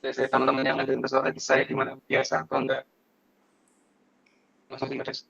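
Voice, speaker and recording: A man's voice: mid-range voice, completely flat delivery, gravelly, a bit bright. Man with a choppy robotic call voice. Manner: apologetic, halting. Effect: choppy robotic glitching voice from a bad call connection. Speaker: lecturer. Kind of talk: online class lecture. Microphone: video call headset. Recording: dull lo-fi video call audio.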